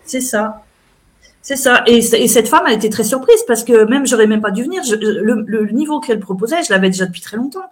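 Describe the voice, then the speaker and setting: A woman's voice: on the high side, expressive, a little fast. A middle-aged woman, an interview guest, chatting casually as she recounts events and quotes what people said.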